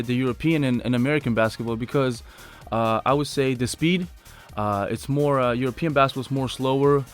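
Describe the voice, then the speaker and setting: Fast-talking man, hesitant. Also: mid-range voice, smooth. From Lithuania. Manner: hesitant, many restarts and fillers. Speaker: basketball player guest. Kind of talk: casual radio interview.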